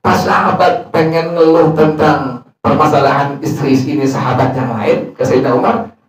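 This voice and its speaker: A man preaches a lesson, slipping between casual jokes and slow Arabic recitation. His voice sits a bit high. He sounds far from the mic, with heavy echo filling the prayer hall. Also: steady tone, soft background music. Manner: humorous, colloquial storytelling with Arabic recitation. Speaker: religious teacher. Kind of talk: sermon.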